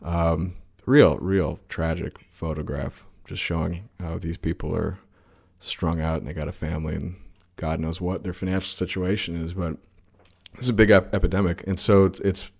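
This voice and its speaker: A man's voice: low voice, level tone, moderate pace, vocal fry, a little mellow, slightly rough. A man co-hosting a podcast, chatting bluntly and at length about the year's news, swearing now and then. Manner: blunt, rambling, swears casually. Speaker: podcast co-host. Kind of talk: casual political chat.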